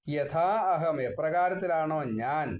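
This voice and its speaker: A man giving a devotional scripture discourse. He recites verse lines slowly and then explains each word, often repeating it. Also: on the high side, steady tone. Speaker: scripture teacher.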